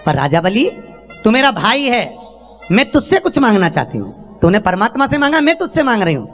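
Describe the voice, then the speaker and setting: A man's voice: high-pitched, huge pitch swings, brisk, a bit bright, faint music behind, voice pushed up, full character voice. A man voicing a goddess who pleads with her brother the king, in a sermon's story. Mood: pleading.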